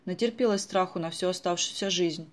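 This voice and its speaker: A reader voicing a sharp-tongued teenage girl in a storybook who speaks in a sarcastic, indignant way. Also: medium pitch, brisk, voice pushed up, close to an everyday voice.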